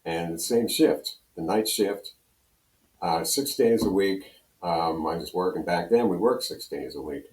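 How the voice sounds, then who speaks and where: Speaking deeply and without hurry, this older Pennsylvanian on a radio interview drifts conversationally from story to story, voicing the characters as he goes. His tone is a little mellow, and the room echoes noticeably.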